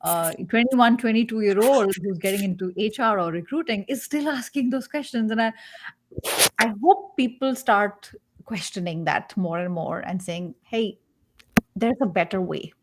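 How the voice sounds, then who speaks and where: A woman from India with an Indian accent, a career coach speaking as a guest in a casual panel chat on a video call, animated, sarcastic and expressive. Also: mid-range voice, unhurried, a little hiss or hum.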